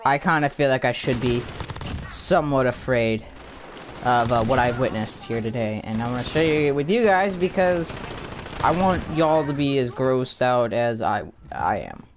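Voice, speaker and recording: Man, YouTuber, loose sarcastic rant to camera, lots of swearing and restarts, mid-pitched voice, faint noise behind. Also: animated, moderate pace. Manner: rambling, profane, sarcastic; many fillers and restarts. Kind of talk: casual commentary vlog.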